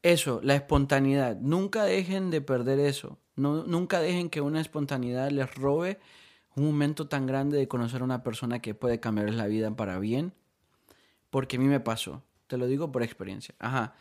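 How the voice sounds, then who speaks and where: A man's voice: mid-range voice, moderate pace, a little mellow. Male podcast host, chatty and joking, loose rambling delivery. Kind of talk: casual chat.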